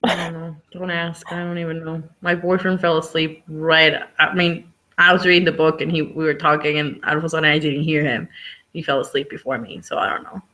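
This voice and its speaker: Hosting a live online book discussion, this woman talks in a low-pitched, level, fairly quick voice with a sharp tone. It's casual, chatty, and rambling, with "like" coming up constantly.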